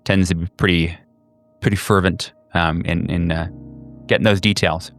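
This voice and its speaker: A man improvising tabletop game narration as game master, halting as he searches for words. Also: sits low, fairly even intonation. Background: soft music.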